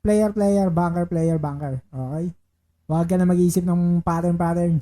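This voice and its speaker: A man chatting casually on a live stream as he plays baccarat, reading out viewer shoutouts and chanting his betting calls. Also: high-pitched, steady tone, normal speed. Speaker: livestreaming baccarat player.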